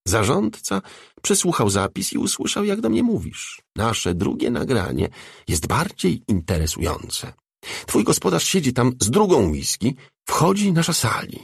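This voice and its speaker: A man voicing a hushed, chatty male figure who talks hurriedly and conspiratorially. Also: mid-range voice, wildly swooping pitch, measured pace, gravelly, husky, no echo, studio quality, voice pushed up, exaggerated voice.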